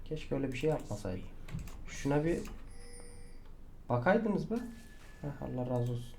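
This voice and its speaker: Excitable man yelling through gameplay. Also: medium pitch, moderate pace, creaky, a little hiss or hum. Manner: excitable, swears and shouts at teammates. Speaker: gaming channel host. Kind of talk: live gameplay commentary.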